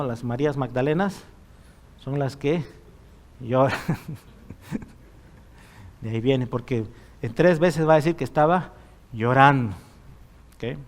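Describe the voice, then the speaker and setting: A man's voice: medium pitch, takes it slowly, pauses often. A man preaching a sermon in church, in a conversational way, often asking the congregation rhetorical questions. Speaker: pastor.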